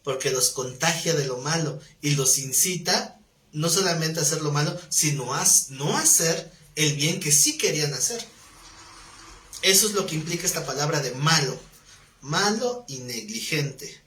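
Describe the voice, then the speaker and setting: A man teaching a live Bible class, animated, breaking into quoted voices. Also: moderate pace. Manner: animated, acts out quoted voices with rising pitch. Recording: roomy echo.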